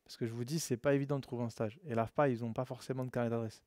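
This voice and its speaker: A man's voice: medium pitch, racing, dry recording. Slangy, casual male coding instructor. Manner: relaxed and slangy, addresses students as "les gars". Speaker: web development instructor. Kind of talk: casual live classroom lesson.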